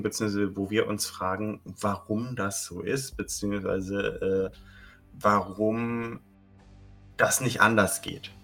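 Bright-voiced man in his thirties, rambling. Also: lowish voice. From Germany. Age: 30s. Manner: rambling, restates himself often. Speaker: podcast co-host. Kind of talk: casual podcast chat.

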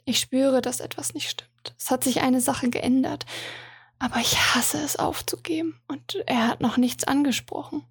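A woman's voice: sits high, steady tone, moderate pace, husky, no room sound, studio quality, heavily acted. A woman playing a troubled young moon princess. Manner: quiet, murmuring.

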